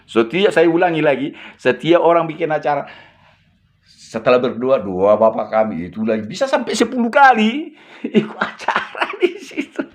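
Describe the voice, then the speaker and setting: A man's voice: on the high side, very animated, moderate pace. A man who is a missionary pastor. He tells stories in a casual chat, laughs often and acts out what people said. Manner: chatty, laughs often, acts out quoted speech.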